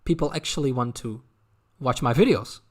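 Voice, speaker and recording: This anime streamer speaks with a Dutch accent in a mid-range voice. He chats loosely with his audience, answering their questions in a stop-start way and often echoing words while he works out what to say.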